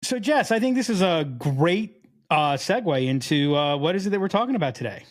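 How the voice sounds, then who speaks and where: A man with a fairly high voice co-hosts a podcast in casual chat. He talks bluntly and jokes, teasing his co-host. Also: lively intonation, a little fast.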